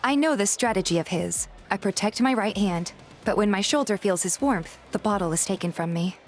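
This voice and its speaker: A woman narrates a fan dub in the first person and plays its heroine, reading a script like an audio drama with music behind her. Her medium-pitched delivery is expressive and brisk.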